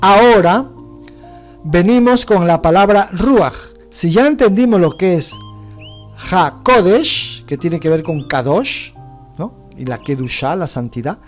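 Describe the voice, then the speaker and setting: A man's voice: high voice, expressive, measured pace, faint music behind. Man teaching a religious class. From Bolivia. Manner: explanatory, asks rhetorical questions with frequent "¿no?". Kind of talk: religious studies lecture.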